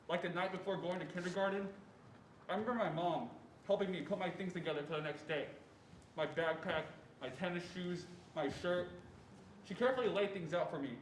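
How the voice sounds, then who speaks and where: A young male student performer, lightly acting in a voice that sits high, reads as the narrator in reader's theatre of a first-person memoir. Playing an adult man, he deliberately and earnestly recalls his fearful boyhood, recorded in an echoey room with faint noise.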